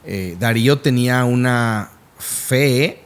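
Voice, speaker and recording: A man's voice: medium pitch, slow, smooth. Man, podcast co-host, conversational Bible teaching, agreeable and explanatory. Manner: affirming, explains scripture in a conversational way. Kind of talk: casual Bible discussion.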